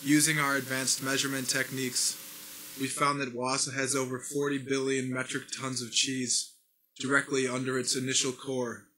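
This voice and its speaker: A man's voice: mid-range voice, flat delivery, normal speed, sharp tone, lightly acted, low-quality recording. A man playing a male alien envoy who makes stiff, formal announcements in a comedy sketch. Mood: solemn.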